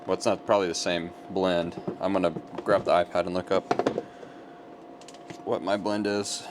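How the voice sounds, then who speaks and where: A man with a deep voice chats casually as a show co-host. The recording carries a clear, steady background hum throughout. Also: normal speed. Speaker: co-host, cigar lounge proprietor. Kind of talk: casual chat.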